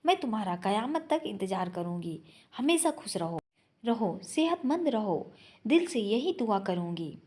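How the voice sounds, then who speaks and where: A woman's voice: mid-range voice, big pitch swings, measured pace, warm tone. A woman voicing a dying young wife saying a tender, pleading farewell to her husband.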